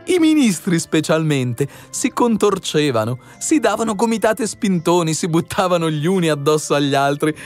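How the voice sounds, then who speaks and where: Expressive male storyteller, higher voice. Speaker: audiobook narrator. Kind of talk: scripted fairy-tale narration.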